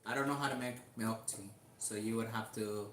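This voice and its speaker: A man hosting a casual livestream from his kitchen, chatting slowly and greeting viewers one by one by name. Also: fairly low pitch, steady tone, a bit bright, reverberant, slight background noise. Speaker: livestream host.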